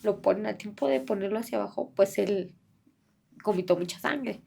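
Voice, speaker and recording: Gravelly woman, soft and halting. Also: medium pitch. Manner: halting, soft-spoken, many fillers and restarts. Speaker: interviewee, bereaved mother. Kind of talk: personal testimony in an interview.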